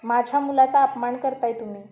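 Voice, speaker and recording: A stubborn, bullying middle-aged uncle from a storybook, loud and scolding, as a woman narrator reads his lines. The voice sits fairly high and soft in tone. It rings in an echoey room. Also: steady tone, fairly quick, close to an everyday voice. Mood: angry. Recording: roomy echo.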